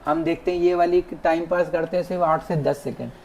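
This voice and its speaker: A massage instructor giving a hands-on class demonstration, with soft, repeated cues and frequent check-ins with the students. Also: medium pitch, fairly even intonation, a little fast, a little hiss or hum. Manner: soft, repetitive coaching cues. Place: training academy classroom.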